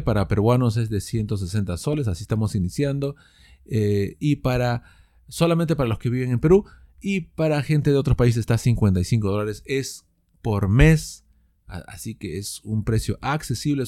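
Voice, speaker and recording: A man's voice: mid-range voice, darkish tone, dry recording, clean studio sound. Man explaining an English lesson. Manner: explanatory, drawn-out demonstrations of pronunciation. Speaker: English teacher. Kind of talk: online language lesson.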